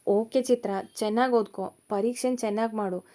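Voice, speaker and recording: A woman voicing an affectionate young male college student who speaks gently and reassuringly in a storybook reading. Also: fairly high pitch, steady tone, a little fast, natural voice.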